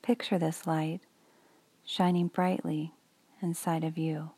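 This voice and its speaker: A woman guiding a meditation for children in a soft, breathy, whispery voice. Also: low-pitched, level tone, no room sound. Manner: soft whispery delivery, slow and soothing. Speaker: meditation guide.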